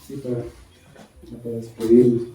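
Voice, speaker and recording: A man's voice: mid-range voice, monotone, fairly quick, warm tone, slight background noise. A man leading a spontaneous spoken prayer in church, earnest and repeating "Lord" after nearly every phrase. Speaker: lay preacher leading prayer. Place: church hall. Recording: echoey hall from far off, muffled.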